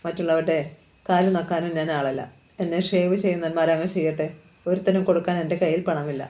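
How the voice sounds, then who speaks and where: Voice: medium pitch, fairly even intonation, fast, dark tone, lightly acted. A narrator voicing a desperate, proud young man from a poor family in a storybook thriller reading. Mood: bitter. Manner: pleading, emotional.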